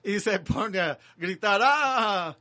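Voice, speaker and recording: A man interpreting a sermon live, talking in an animated way with frequent restarts. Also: sits high, measured pace.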